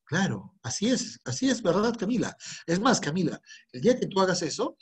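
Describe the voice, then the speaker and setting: A middle-aged man teaching a lively online class. His voice is husky, and his pitch jumps widely as he teases and scolds his students. It sounds like a video call. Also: fairly quick. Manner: teasing, joking, scolding students. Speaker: history teacher.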